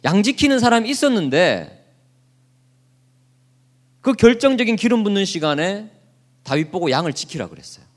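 A man's voice: high voice, sing-song, moderate pace, long pauses. A man preaching as a pastor, asking his congregation questions and leading them in reading aloud together. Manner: asks the congregation questions and leads group readings; acts out quoted lines. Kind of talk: sermon.

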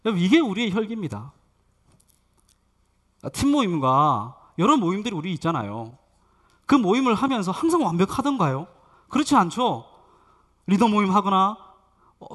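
A man's voice: sits high, very animated, moderate pace, long pauses, fairly bright tone. A man preaching a sermon as pastor, telling a personal story and asking the congregation questions.

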